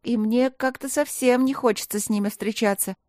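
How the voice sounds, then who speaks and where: A woman's voice: on the high side, fairly even intonation, moderate pace, darkish tone, dry recording, pitched above the performer's own voice, lightly acted. Woman voicing a tense brave young heroine. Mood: tense urgent.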